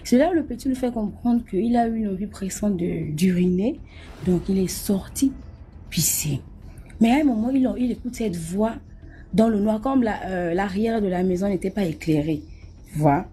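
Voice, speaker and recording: Mellow-voiced woman telling a night story. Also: medium pitch, moderate pace, a little hiss or hum. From Nigeria. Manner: lively, acts out scenes, often addresses the listener. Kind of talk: casual spoken testimony.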